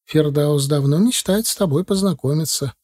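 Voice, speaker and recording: A young woman student answers her angry mother with cool, even defiance, as a male narrator plays her. Her voice is raised a little, yet dark and husky in grain. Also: a little high, normal speed, no room sound, clean studio sound. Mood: calm. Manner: calm, even.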